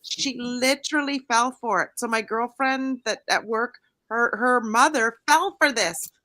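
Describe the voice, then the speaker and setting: A woman co-hosting a casual podcast chat, telling stories in an animated, chatty way. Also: a little high, unhurried. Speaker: co-host.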